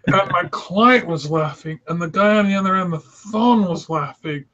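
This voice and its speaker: Over slightly dull, lo-fi video-call audio, a high-pitched middle-aged man who draws for a living and appears regularly on a show spins animated stories. He's quick and theatrical, laughing often and launching into a flamboyant phone greeting in a single breath.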